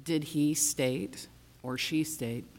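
A man puts questions from the bench as a judge. His voice is somewhat high and echoes through a large hall. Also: slow. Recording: long hall reverberation.

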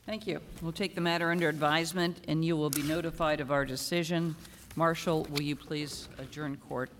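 Male presiding judge, slightly high voice, probing, halting phrasing, reverberant hall. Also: fairly even intonation, fairly bright tone, slight background noise. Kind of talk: questioning from the bench.

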